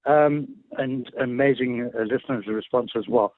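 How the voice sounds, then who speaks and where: A man calls in to a radio show over a tinny phone line, rambling and hesitating while chuckling now and then. His voice is mid-range, his pace moderate, and there's no echo in this phone-in chat.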